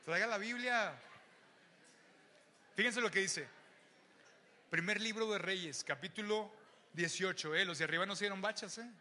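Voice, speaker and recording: A young man with a Mexican accent preaching an animated, joking sermon to young people, often raising his voice. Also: sits high, normal speed, long pauses. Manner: animated, joking, shouts to the crowd. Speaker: youth preacher. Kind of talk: lively sermon.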